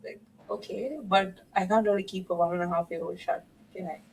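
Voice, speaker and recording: A woman's voice: lowish voice, fairly even intonation, brisk, vocal fry, breathy edge, rough recording. A woman in her thirties, a podcast guest from India, telling a story in casual conversation and laughing now and then.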